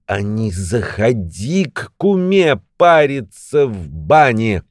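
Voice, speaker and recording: A man voicing two rough magic lads from a fairy tale, who taunt in a chanting way. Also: on the low side, sing-song, slow pace, no echo, studio quality, full character voice.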